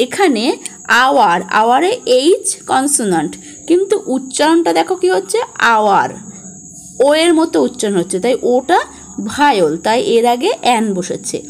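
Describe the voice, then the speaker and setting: A woman's voice: high voice, sing-song, moderate pace, slight background noise. A young woman teaching a spoken grammar lesson, patiently explaining and spelling out examples.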